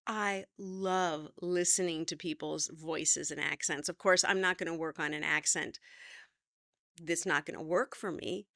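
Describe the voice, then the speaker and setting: A woman's voice: deep voice, fairly even intonation, a little slow, vocal fry, fairly bright tone, dry recording, studio quality. A middle-aged woman teaching acting, chatty and encouraging as she talks to the camera. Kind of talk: talking-to-camera acting lesson.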